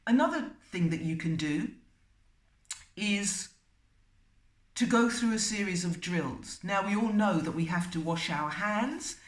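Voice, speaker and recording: A woman hosts a self-help video, speaking slowly in short, unhurried phrases with pauses between them. She mixes motivational advice with storytelling. The recording is roomy and echoey, with her voice set back from the microphone. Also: medium pitch. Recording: roomy and distant from the mic.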